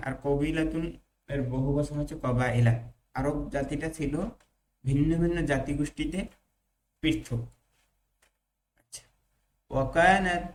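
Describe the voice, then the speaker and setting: A young man teaching an Arabic class, reading Arabic slowly and then explaining it with pauses and fillers. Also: on the high side, darkish tone, low-quality recording. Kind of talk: online class lecture, explaining Arabic text in Bengali.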